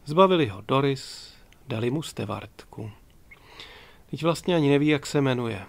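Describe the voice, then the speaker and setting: A man reading an audiobook in a steady, measured way. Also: medium pitch, gravelly. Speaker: audiobook narrator. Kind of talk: audiobook narration.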